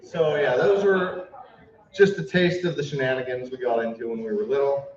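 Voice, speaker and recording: A man's voice: mid-range voice, moderate pace, darkish tone. A young man giving a memorial speech, telling childhood stories with light humor, then reading a passage earnestly, sometimes stumbling over words. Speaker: eulogist at a memorial. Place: memorial service hall. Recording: echoey, distant, dull room recording.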